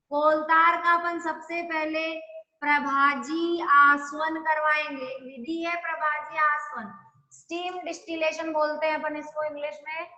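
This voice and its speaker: Bright high-voiced woman teaching chemistry. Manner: explains step by step, keeps asking the class if they follow. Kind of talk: classroom lecture. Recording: echoey room.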